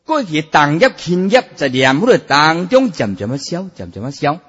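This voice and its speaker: A man preaching a Buddhist sermon, emphatic and animated, drawing out his sentence-end particles. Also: a little high, normal speed, slightly rough. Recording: dull, echoey hall sound.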